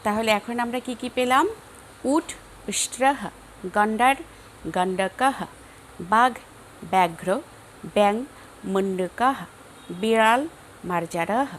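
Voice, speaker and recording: Young bangladeshi woman teaching, slow and careful, repeats every word, bit high voice. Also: slight background noise. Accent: Bangladeshi Bengali. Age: young adult. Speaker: Sanskrit teacher. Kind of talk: classroom lesson, slow repetition drills.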